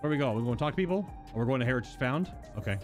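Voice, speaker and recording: This streamer has a medium-pitched voice and speaks very fast and with lots of animation. He muses and chats as he comments live on the game's story, with its music playing behind him.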